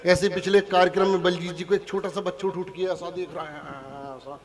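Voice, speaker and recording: High-voiced Punjabi man joking onstage. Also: level tone, a little fast. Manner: joking, teasing the audience directly. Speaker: comic poet. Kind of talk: stand-up comic poetry on stage. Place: large hall with a live audience. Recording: live stage hall recording with crowd.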